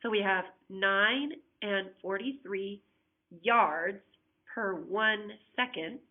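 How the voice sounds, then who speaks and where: Slow and mid-range, a woman's voice guides students through unit conversions one step at a time, asking them to check along. It's a recorded flipped-classroom math lesson with tinny, phone-like audio, and she has a recurring cough.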